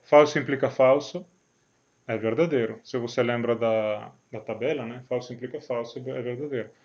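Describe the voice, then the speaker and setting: A man's voice: mid-range voice, fairly even intonation, moderate pace, a little mellow, muffled recording. Italian man giving a hesitant math lecture. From Italy. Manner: hesitant, many fillers and restarts, checks in with "né? certo?". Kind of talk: recorded video lecture.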